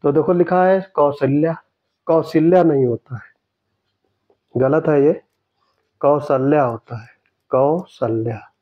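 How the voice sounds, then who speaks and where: A man tutoring for an exam, going through test answers in a steady way and repeating each key word for emphasis. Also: fairly high pitch, takes it slowly, pauses often, narrow, tinny audio.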